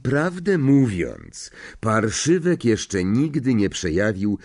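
A man voicing a sulky, muttering teenage wizard boy, pitched a little above his own voice. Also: huge pitch swings, takes it slowly, darkish tone, exaggerated voice. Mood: grumbling.

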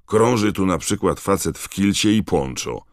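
A man's voice: low voice, animated, moderate pace, no room sound, clean studio sound, pitched above the performer's own voice. A man voicing a suspicious, weary middle-aged campsite owner who talks in wary, musing questions.

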